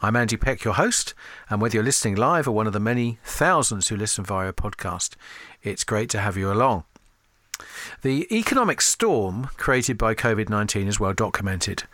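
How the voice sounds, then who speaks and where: A man hosts a radio interview with a polished presenter delivery. His voice is bright and forward, and the recording is close and dry. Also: lowish voice, lively intonation, normal speed, dry recording. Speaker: radio show host.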